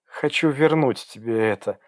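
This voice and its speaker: A calm middle-aged woman doctor, soothing and reassuring, her voice lifted well above the reader's usual pitch. A man puts her on in an audiobook reading. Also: normal speed, no echo, studio quality, lightly acted.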